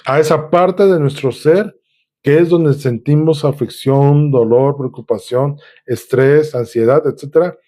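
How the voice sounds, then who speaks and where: A man's voice: fairly high pitch, measured pace, mellow. A man preaching a sermon, teaching and asking questions of his congregation.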